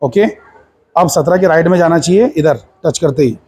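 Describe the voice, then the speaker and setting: This man's voice sits on the high side, husky and darkish, delivered at normal speed. Speaking Hindi blended with English in an Indian accent, he demonstrates a physics lab hands-on, walking through each step and checking often that everyone follows.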